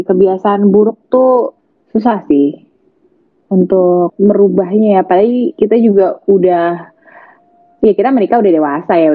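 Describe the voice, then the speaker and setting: A woman's voice: mid-range voice, no room sound. A woman in casual, slangy chat about parenting, laughing often and acting out quotes. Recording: tinny phone-line audio, dry.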